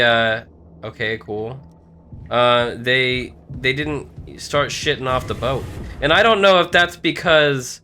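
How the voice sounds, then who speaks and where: A man's voice: mid-range voice, sharp tone. A man casually commenting on a game and voicing characters, jokey and rambling. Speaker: gamer.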